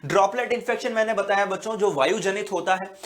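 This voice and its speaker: High-voiced male biology teacher. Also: a bit bright. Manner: explains slowly, repeating "बच्चों" and "है ना" often; fills pauses with "अ" and restarts words. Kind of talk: online exam-prep lecture.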